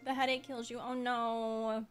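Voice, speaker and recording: A woman's voice: on the high side, flat delivery, a little slow, soft background music. A woman streamer chatting casually and dotingly over a game she plays. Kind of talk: casual let's-play commentary.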